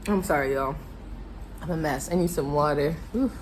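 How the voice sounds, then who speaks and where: A woman's voice: sits low, moderate pace, a little hiss or hum, rough recording. An American woman telling a casual, chatty, self-deprecating story to viewers while eating, her mouth sometimes full. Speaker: mukbang vlogger telling stories.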